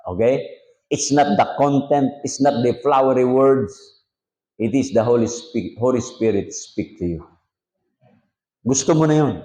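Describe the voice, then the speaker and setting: A Filipino man in his fifties, a pastor giving a conversational sermon at a prayer meeting, dropping to soft asides and then rising for emphasis. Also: mid-range voice, unhurried, long pauses.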